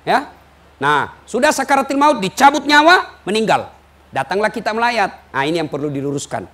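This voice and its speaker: A man from Sulawesi with a Makassar Indonesian accent, preaching an animated, joking sermon and acting out little dialogues. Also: high-pitched, normal speed. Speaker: Islamic preacher. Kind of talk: humorous sermon.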